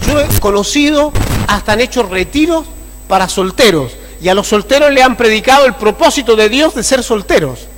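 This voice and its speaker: Male pastor, very high and sharp voice, lively sermon delivery that keeps checking in with the room, long hall reverb. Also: moderate pace, slight background noise. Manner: animated, constantly asking the congregation for agreement. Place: church.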